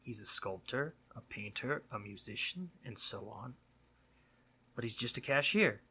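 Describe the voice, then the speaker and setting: Voicing a sleep demon with a mischievous streak and real concern, a man performs a husky, conversational roleplay monologue that is both earnest and teasing, now and then sinking to breathy near-whispers. His mid-range voice is animated and measured in pace, pushed and bright, a full character voice. Earnestness and frustration come through.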